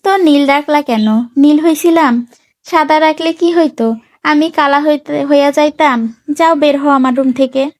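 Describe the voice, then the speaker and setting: A woman's voice: sits high, steady tone, normal speed, dry recording, clean studio sound, natural voice. A woman reading a comic story aloud, voicing a hapless young husband who pleads tearfully and snaps about his name. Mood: irritated. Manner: pleading, tearful, then rudely touchy. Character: hapless young husband, fearful, whining and touchy.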